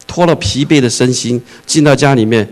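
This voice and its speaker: A male pastor preaching a sermon, reading scripture slowly, then joking and acting out scenes, with English words mixed into his speech. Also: mid-range voice, low-quality recording. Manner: animated, shifts from slow scripture reading to lively jokes and shouting.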